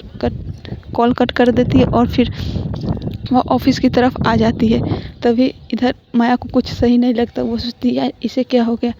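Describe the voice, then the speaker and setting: A woman's voice: fairly high pitch, warm tone. A woman telling a story casually, rambling and often correcting herself, on a dull lo-fi recording with faint noise.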